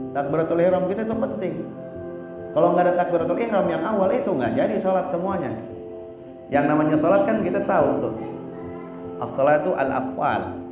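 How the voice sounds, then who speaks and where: This preacher, a man with a high voice, gives a religious sermon in a casual, blunt, teasing way, peppered with fillers such as "apa namanya". He is recorded in an echoey room with music playing behind him.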